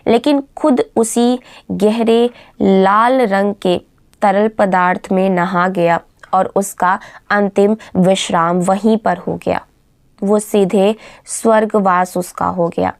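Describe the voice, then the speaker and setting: A woman voicing an old male petrol pump guard, speaking slowly and gravely in a hushed tone. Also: mid-range voice, no room sound.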